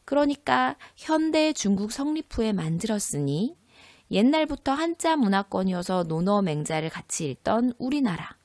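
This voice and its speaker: A woman high school teacher giving a recorded textbook lesson, explaining slowly and clearly and asking her students questions. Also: very animated, darkish tone, no room sound.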